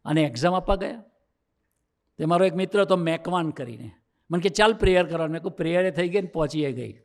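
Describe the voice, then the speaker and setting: A man with a Gujarati accent, his voice sitting slightly high, preaches to a youth gathering. He tells his own stories, acts out the back-and-forth dialogue, and builds to emphatic points. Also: fast talker. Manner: storytelling, acting out dialogue, rising to emphatic preaching. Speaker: swami giving a youth discourse. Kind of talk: sermon told as a personal story.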